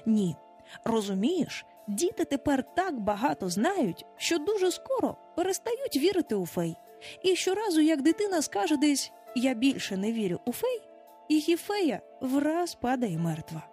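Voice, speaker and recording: A woman doing a cocky young boy who shrugs everything off with a brash, breezy swagger. The voice sits high and swings lively through each line, with a storybook audiobook feel. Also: faint music behind. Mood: explaining. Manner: boastful, breezy, quick to brush things off. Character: cheeky boy who never grows up.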